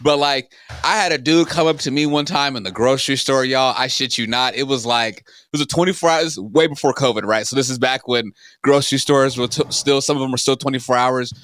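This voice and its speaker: Animated man telling a story, dry sound. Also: mid-range voice, a little fast, no room sound. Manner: animated, swears, acts out quoted people. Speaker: podcast co-host. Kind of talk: casual storytelling chat.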